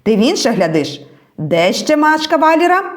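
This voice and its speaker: A woman's voice: high voice, very animated, moderate pace, voice pushed up. A woman reading the lines of harsh wartime policemen, men who bark accusations. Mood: mocking.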